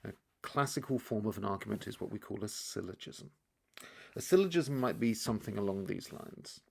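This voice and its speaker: A man explaining key terms in a relaxed lesson, thinking aloud as he draws and often restarting his sentences. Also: lowish voice, fairly quick, creaky. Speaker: teacher. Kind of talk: explainer lesson while drawing.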